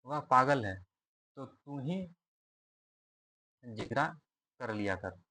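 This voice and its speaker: A man's voice: mid-range voice, slow pace, sharp tone, slight background noise. A man reading as a kind older village woman. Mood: gentle.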